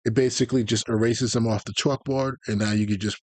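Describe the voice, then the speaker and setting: A man with a medium-pitched, steady voice talks quickly in a dry recording. He's giving an informal live-stream lecture on video game tactics, chatting loosely and veering into tangents as he explains.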